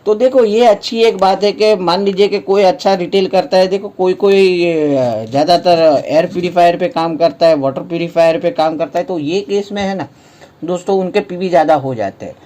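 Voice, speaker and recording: A man's voice: high-pitched, normal speed, warm tone. A man with an Indian accent presenting a promotional offer in a casual explainer style, restating points and answering his own questions. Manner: explanatory, repeats and rephrases points, poses questions then answers them.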